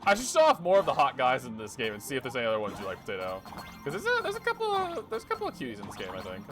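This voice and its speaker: A young game streamer casually narrates his gameplay, thinking out loud, swearing and chuckling a lot. His mid-range voice races along with huge swings in pitch, and game music plays in the background.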